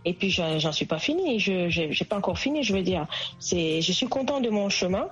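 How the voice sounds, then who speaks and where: A woman's voice: medium pitch, animated, brisk, fairly bright tone, muffled recording, faint music behind. A woman singer from Burkina Faso being interviewed on the radio, speaking earnestly and repeating words as she searches for them.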